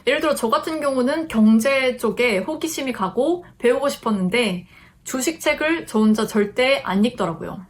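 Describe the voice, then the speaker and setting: A woman's voice: sits high, lively intonation, normal speed. A young woman giving casual self-improvement advice to her viewers in a friendly, chatty way, now and then acting out her own inner thoughts. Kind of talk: casual advice talk to camera.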